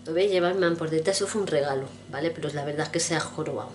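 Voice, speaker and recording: A woman with a deep, low voice chats to camera at home. She rambles from topic to topic and addresses her viewers fondly. A steady background noise runs under the whole recording. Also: rapid-fire. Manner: rambling, chatty, affectionate, addresses viewers directly. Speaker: vlogger. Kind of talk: casual chat to camera.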